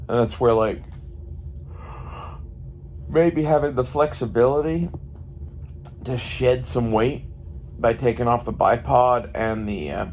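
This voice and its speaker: A man's voice: mid-range voice, a little mellow. An American man in a casual, rambling monologue, thinking aloud and swearing freely. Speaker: gun hobbyist vlogger. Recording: faint background noise. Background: faint ambient noise.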